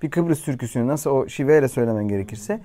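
A man's voice: medium pitch, lively intonation, quick pace, warm tone. A man in his thirties with a Cypriot Turkish accent, a singer answering interview questions in an earnest, reflective way with hesitant fillers. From Cyprus. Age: 30s. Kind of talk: casual chat. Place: studio.

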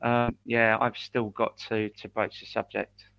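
A man on a fan podcast panel talking about a pre-season tour in a relaxed, slightly hesitant way. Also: lowish voice, measured pace, vocal fry. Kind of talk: casual podcast chat. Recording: dull lo-fi call audio.

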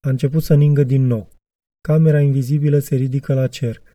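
Very dark, measured male audiobook reader. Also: mid-range voice, little pitch movement, no echo. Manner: measured, reflective reading. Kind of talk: literary audiobook narration.

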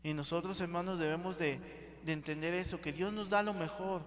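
A pastor delivers a sermon in a high, lifted voice and keeps checking in with his listeners. The sound rings with a long reverb through a church hall. A congregation is clearly present behind him. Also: steady tone, brisk, crowd noise. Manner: calls out to the congregation with frequent "sí?" and "hermanos".

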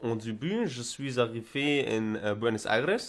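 A young German man talks casually in broken French, with a German accent coloured by Spanish. His delivery is slow and halting, in a medium pitch, and he often repeats words as he searches for the next one. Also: expressive. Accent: German with Spanish influence. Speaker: interviewee recounting travels. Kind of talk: casual conversational interview.

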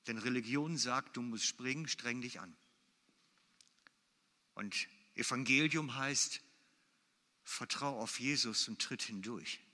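A man's voice: mid-range voice, takes it slowly, long pauses, bright, forceful tone. A man preaching a sermon in German, emphatic and repeating his key phrases for weight. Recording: long hall reverb.

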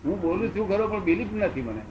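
A man in his seventies answering questions as a spiritual teacher, unhurried and repeating phrases for emphasis. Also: high-pitched, expressive, lo-fi sound, background noise. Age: 70s.

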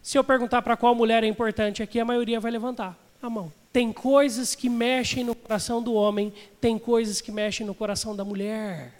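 Man, pastor, conversational sermon, questions to the congregation, very high pitch, long church reverb. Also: level tone, a little fast, few pauses. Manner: chatty, asks the congregation questions.

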